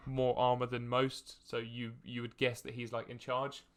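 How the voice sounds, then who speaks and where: A man's voice: medium pitch, monotone, moderate pace, fairly bright tone, clean tone. A young man narrating as game master in a tabletop game, hesitant with many fillers and restarts. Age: young adult.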